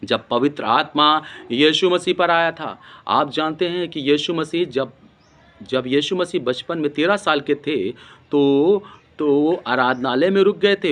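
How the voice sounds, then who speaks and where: A man's voice: fairly high pitch, a bit bright. A man preaching a sermon, repeating phrases for emphasis and breaking into speaking in tongues. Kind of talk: Hindi sermon with Bible reading.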